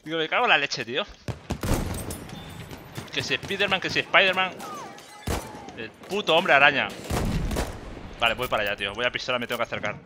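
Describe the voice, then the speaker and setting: A man with a Spain Spanish accent giving joking, excitable gameplay commentary and swearing often. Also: mid-range voice, fairly quick, long pauses, background noise. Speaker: gaming YouTuber. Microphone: desk USB microphone. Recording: loud game gunfire behind. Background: gunfire and explosions from the game.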